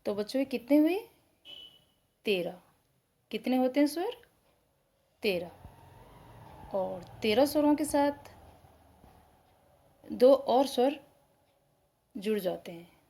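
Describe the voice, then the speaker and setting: A woman teaching a school lesson to children, asking questions and answering them herself, sounding out each letter slowly. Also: on the high side, expressive, warm tone. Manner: slow, spelled-out pronunciation.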